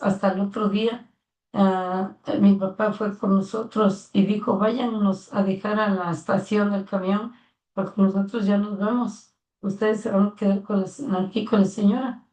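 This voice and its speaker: A woman's voice: mid-range voice, mellow. An older woman with a Mexican accent telling her own life story to her son, earnest and heartfelt, acting out remembered dialogue. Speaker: interviewee, mother of the interviewer. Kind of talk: personal life story told in conversation. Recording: roomy sound, mic at a distance.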